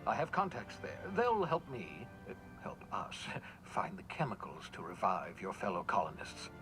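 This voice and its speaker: An actor playing an eccentric, rambling colony scientist in a video game, offhand and darkly cheerful. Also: male voice, low voice, wildly swooping pitch, moderate pace, music in the background, poor audio. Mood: scheming. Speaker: game character.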